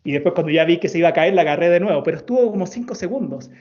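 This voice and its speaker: A man in his thirties speaks as an interview guest, a storytelling coach who tells a personal story earnestly. He repeats words for emphasis, in a fairly high voice. The sound is dull and lo-fi. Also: animated, very fast, darkish tone.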